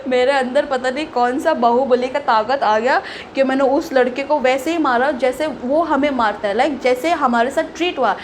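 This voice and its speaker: A young woman with a high, light voice tells a personal story in a casual vlog. She is animated and drops English phrases in as she goes. A faint hum of room ambience sits behind her. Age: young adult. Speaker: vlogger.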